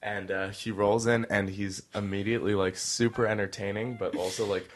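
A man's voice: on the low side, fairly even intonation, normal speed, slight background noise. A man co-hosting a casual podcast, rambling with lots of "like" and "uh" and laughing easily. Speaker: podcast co-host. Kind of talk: casual chat.

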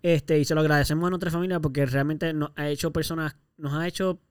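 A man with a Puerto Rican accent, co-hosting a podcast in casual, earnest, expressive conversation. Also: fairly high pitch, quick pace, clear, resonant tone, no echo, clean studio sound. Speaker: podcast co-host.

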